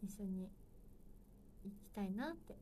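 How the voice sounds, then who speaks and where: A woman's voice: medium pitch, expressive, unhurried, dark tone, a little hiss or hum. A woman in her twenties hosting a solo livestream, chatting casually and playfully with viewers. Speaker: livestream host.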